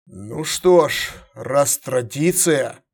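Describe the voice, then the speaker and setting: A man voicing a stern, commanding middle-aged emperor who gives curt, measured orders. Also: a little high, steady tone, natural voice.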